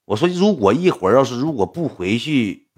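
This young man's mid-range, slightly rough voice swings widely in pitch as he briskly tells a story to an audience. He has a Northeastern Mandarin accent, talks bluntly and colloquially, curses occasionally, and plays both characters in the dialogue.

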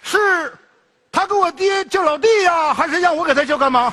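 An actor playing a stingy, loud-mouthed rural cousin visiting the city, teasing and quick-witted in a Northeast Chinese accent. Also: male voice, very high voice, big-room sound, a little hiss or hum. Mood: bantering. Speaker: comedy sketch performer. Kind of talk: comedy sketch dialogue.

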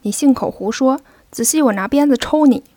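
A woman's voice: sits high, brisk, dark tone, dry recording. A woman voicing a carefree young rich man who teases his servant, in a storybook reading. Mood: teasing. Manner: playful, teasing. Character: young wealthy playboy man, teasing and carefree.

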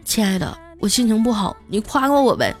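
A woman's voice: mid-range voice, sing-song, brisk, a little mellow, soft background music, lightly acted. A woman voicing a timid, henpecked young man who whines and stammers. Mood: sheepish. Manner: whiny and sheepish.

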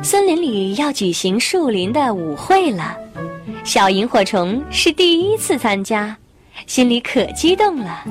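A woman narrating a children's story in a simple sing-song way, as if reading to a toddler. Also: on the high side. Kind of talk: scripted storytelling for young children. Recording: music behind the voice. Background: background music.

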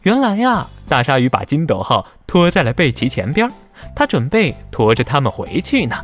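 A man narrates a scripted children's story dramatically and expressively, with faint music playing behind him. His voice is medium in pitch and moves at a moderate pace.

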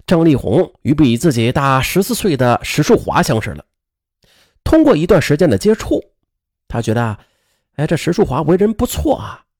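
A man telling a true-crime story in a lively way, full of spoken fillers. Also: fairly high pitch, dry recording, clean studio sound.

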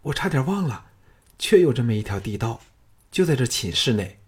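A male narrator voicing a tender, wistful young palace consort in a raised, hushed voice. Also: medium pitch, animated, normal speed, breathy edge. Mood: eager.

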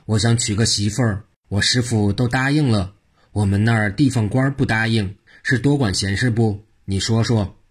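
A man's voice: on the low side, moderate pace, husky. A man voicing an eccentric mad old monk who teases and plays the fool, in a told story. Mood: teasing. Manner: teasing, cheeky, playing the fool.

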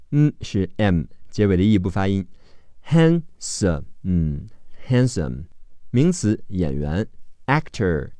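A man leads an English phonics vocabulary lesson in a rather low voice with lively, swinging pitch. He spells out letter groups, then drawls each word twice as a model. His speech is unhurried and the sound is close and dry. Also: no room sound. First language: Chinese. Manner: slow, drawn-out model pronunciations of each word. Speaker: English teacher.

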